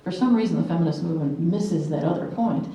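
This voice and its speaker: A fast-talking woman in her sixties with a fairly low, mellow voice gives an earnest conference lecture to a live audience. Personal anecdotes and acted quotations run through the talk, and the far-off mic picks up the hall's echo.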